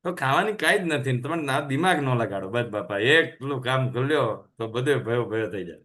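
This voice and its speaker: A man's voice: medium pitch, animated, fairly quick, a bit bright, a little hiss or hum. A man hosting a health channel, giving a casual motivational talk, chatty and full of rhetorical questions, mixing languages.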